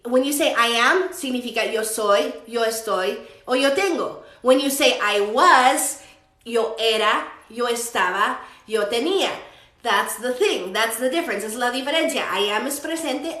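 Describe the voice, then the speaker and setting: A woman teaching English grammar in a bilingual lesson, repeating English examples slowly and explaining in quick bursts between them with light laughs. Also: a little high, lively intonation, a bit bright, roomy sound. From United States. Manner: slow, drawn-out English examples repeated for practice.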